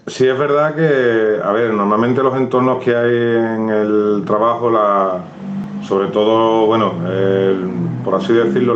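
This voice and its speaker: A man with a Cádiz Andalusian accent, a writer being interviewed in a live video call, talking in a relaxed way with many fillers and restarts. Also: lowish voice, echoey room, muffled recording, slight background noise. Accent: Cádiz Andalusian Spanish. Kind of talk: casual interview chat. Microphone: phone on a stand, live video call.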